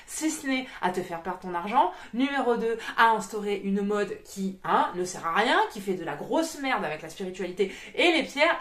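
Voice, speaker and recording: A woman's voice: on the high side, a bit bright, echoey room. A woman who works as a spiritual medium, ranting on her vlog in a blunt, crude, exasperated way with plenty of swearing. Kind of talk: casual vlog rant.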